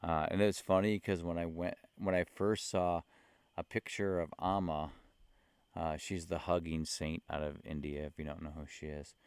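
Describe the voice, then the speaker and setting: Deep-voiced man, slow earnest spiritual talk. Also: little pitch movement, clean tone, no echo. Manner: slow, earnest, with fillers and soft laughs. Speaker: spiritual vlogger. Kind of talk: casual spiritual talk to camera. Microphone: handheld mic.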